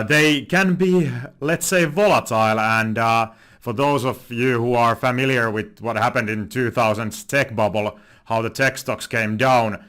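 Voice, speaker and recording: A young man from Finland with a Finnish accent hosts a casual finance commentary video in a mid-range, slightly bright voice. The channel host scatters "uh"s throughout and often restarts or corrects himself.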